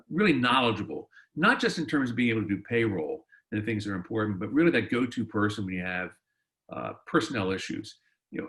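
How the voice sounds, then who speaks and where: A man's voice: on the low side, fairly bright tone, low-quality recording. A man hosting a webinar, introducing a guest speaker in a rambling way with many fillers, over a video call. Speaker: webinar host.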